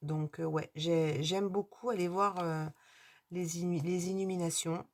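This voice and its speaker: A woman's voice: fairly low pitch, fairly even intonation, unhurried, a little mellow. A middle-aged woman vlogging casually to her viewers, hesitant, with many fillers and restarts. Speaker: YouTuber answering a tag.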